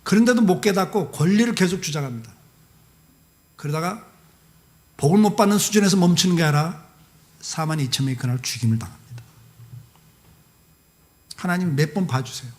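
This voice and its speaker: A man preaching a sermon as a guest pastor, telling the story in a lively way, acting out dialogue and adding humorous asides. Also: on the high side, a little fast, pauses often. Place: church service.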